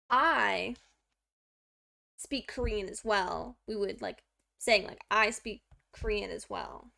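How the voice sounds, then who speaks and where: Explaining Korean grammar on a study stream, a young woman chats with plenty of fillers and pokes fun at herself. Her voice is creaky and a bit bright, and she addresses a pet in a high-pitched baby voice.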